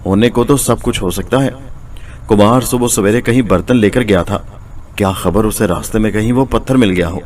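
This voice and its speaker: A man voicing a meddlesome, scolding blacksmith's wife in a storybook tale, in a raised, shrill voice. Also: normal speed, a little mellow, recorded from a distance, slight background noise, close to an everyday voice. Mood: scheming. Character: scheming, nosy woman, blacksmith's wife.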